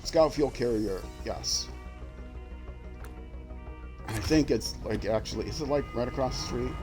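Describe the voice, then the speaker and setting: Here the same kind of speaker, a retired older man with a youthful-sounding voice, gives loose, filler-heavy commentary while livestreaming a game. His pitch is medium and his delivery unhurried, with music playing behind him.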